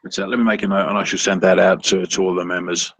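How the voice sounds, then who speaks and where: A man co-hosting a casual online coaching call, talking in halting bursts full of ums and restarts. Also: low-pitched, flat delivery, fairly bright tone, slight background noise, low-quality recording. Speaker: co-host of a seller coaching webinar.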